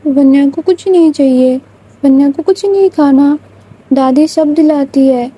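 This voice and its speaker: A woman voicing an anxious little girl who pleads with slow, repeated questions. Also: high voice, dark tone, natural voice, rough recording. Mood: pleading.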